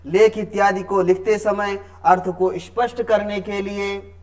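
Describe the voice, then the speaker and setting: A man's voice: high voice, steady tone, unhurried. A man teaching a grammar lesson to students, often repeating himself and asking them questions he then answers. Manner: repeats and asks the class questions.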